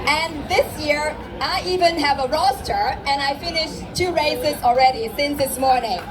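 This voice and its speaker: A woman from Hong Kong addresses a festival crowd through a microphone outdoors. Her voice sits fairly high, formal and upbeat. A busy crowd hums around her. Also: normal speed. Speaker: festival speaker and trade office director. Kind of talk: public welcome speech. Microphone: handheld microphone over a PA. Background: crowd noise.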